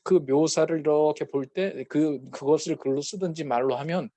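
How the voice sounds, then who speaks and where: A man's voice: fairly high pitch, normal speed, mellow, no echo. A man teaching a peacemaking class, talking casually with many fillers and acting out short quarrels as examples. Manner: conversational, many fillers, acts out quoted quarrels. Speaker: peacemaking course lecturer. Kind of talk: lecture with acted example dialogues.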